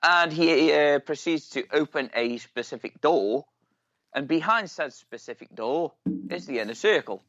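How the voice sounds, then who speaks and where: A man's voice: fairly high pitch, lively intonation, unhurried, fairly bright tone, dry recording. A man co-hosting a podcast, cheeky and teasing with crude jokes. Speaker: podcast co-host. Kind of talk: casual chat. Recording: dull lo-fi dry sound.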